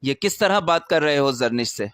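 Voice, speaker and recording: A quiet younger son speaks with stern bitterness, as a male narrator plays him. The delivery is firm, and the sound is dry and close. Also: on the high side, animated, dry recording.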